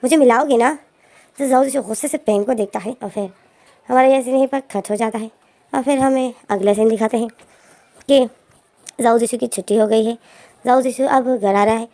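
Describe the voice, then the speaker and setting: A woman's voice: on the high side, fairly even intonation, normal speed, gravelly, long pauses, dark tone. A woman casually retelling a story, chaining her sentences with constant connecting fillers.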